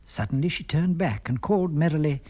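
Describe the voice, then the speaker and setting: A man narrating a fairy tale on a vintage storybook record, with warm, expressive delivery. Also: a little high, a little fast.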